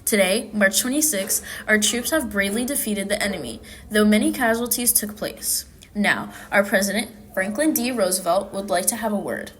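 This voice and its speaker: A woman playing a grave, formal 1940s wartime radio newsreader in a measured war-broadcast manner. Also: mid-range voice, noisy background, close to an everyday voice.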